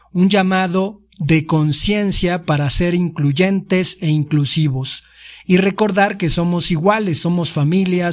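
A young Mexican man hosts a podcast, reading out a text in a steady, declamatory tone. His voice sits fairly high for a man. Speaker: podcast host.

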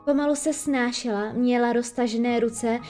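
Woman reading a kids story, lively and expressive, fairly high voice, soft music under it. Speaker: narrator.

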